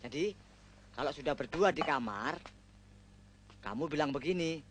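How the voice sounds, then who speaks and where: A man's voice: fairly high pitch, animated, normal speed, a bit bright, a little hiss or hum. An actor playing a cocky young man who bosses and teases his friend, barking exercise counts and lecturing him in a film comedy. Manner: bossy, teasing, barks exercise counts. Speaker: friend coaching a groom. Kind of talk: 1980s film comedy acting.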